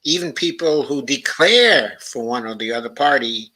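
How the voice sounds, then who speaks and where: A man hosting a casual livestream show, with a strikingly bright, ringing tone. He thinks aloud in an easygoing way, peppering his sentences with "okay" and "uh". His pitch sits in a middling range for a man. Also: lively intonation, normal speed, low-quality recording. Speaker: talk show host. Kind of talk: casual livestream commentary, reading viewer comments.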